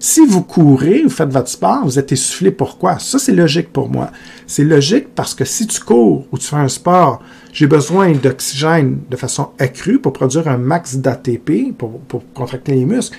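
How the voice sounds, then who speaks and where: In this recorded lecture video, a man with a Québécois accent teaches conversationally, talking straight to his students and asking questions out loud. He sounds very animated at a moderate pace, his slightly high voice a little mellow, with vocal fry and a breathy edge.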